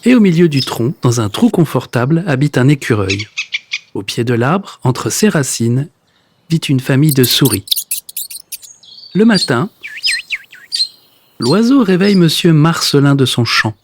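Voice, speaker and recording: A man reading a children's story aloud in a gentle, expressive way. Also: medium pitch, measured pace, long pauses. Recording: hissy recording.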